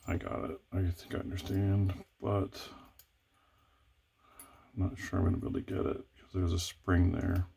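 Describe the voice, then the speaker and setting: A man's voice: deep voice, steady tone, normal speed, vocal fry, pauses often, warm tone, a little hiss or hum. A man thinking aloud as he works through a lock-picking task, hesitant and correcting himself as he goes. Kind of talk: thinking aloud while working.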